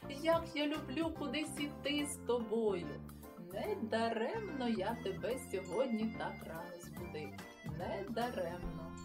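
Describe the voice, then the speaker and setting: A woman's voice: a little high, expressive, a little slow, music in the background. A woman voicing a loyal young male farm dog with a joyful, bouncy manner, in a storybook reading.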